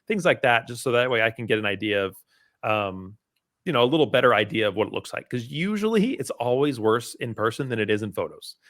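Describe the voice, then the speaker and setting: A laid-back man chats easily as a podcast guest, circling his points and leaning on filler words. His voice sits in a middle register and sounds dry and close to the mic, with no room echo. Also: mid-range voice. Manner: relaxed, rambling, heavy on "you know" and "um". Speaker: podcast guest, part-time car detailer. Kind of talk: casual conversation.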